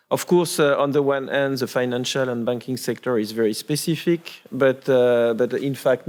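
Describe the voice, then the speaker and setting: Guy moderating a panel, mid-pitched voice, lots of uhs while he introduces people. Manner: halting, with many fillers. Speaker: session moderator. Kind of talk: introducing speakers.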